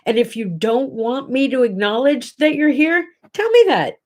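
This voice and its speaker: A middle-aged woman with a congested, nasal voice hosts a casual morning livestream from her home bedroom, chatting directly to viewers. Her voice is high and a little mellow, with lively intonation and a moderate pace.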